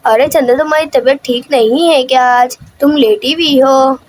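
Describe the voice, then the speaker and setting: A woman's voice: high voice, fairly even intonation, normal speed, a little hiss or hum, natural voice. A woman voicing a concerned cartoon neighbor asking after her friend. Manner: concerned, inquiring.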